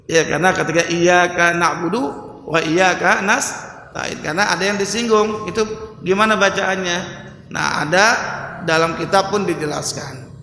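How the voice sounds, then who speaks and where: A man with a Betawi Indonesian accent teaching a mosque study circle, mixing relaxed explanation with slow chanted Quranic verses and joking asides. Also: fairly high pitch. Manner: joking asides with soft laughs. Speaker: Islamic religious teacher. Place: mosque hall. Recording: echoey hall reverb.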